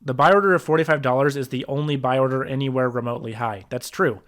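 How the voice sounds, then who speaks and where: Reacting to a video about himself, a man with a medium-pitched, fast, slightly bright voice rebuts it point by point. He sounds defensive and exasperated in this reaction commentary, frequently restarting his sentences.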